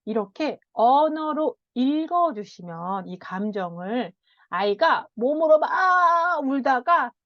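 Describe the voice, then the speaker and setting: A woman child counselor giving a parenting lecture, animated, often laughing and acting out what children and parents say. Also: high-pitched, slow pace, no room sound. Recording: dull, dry sound.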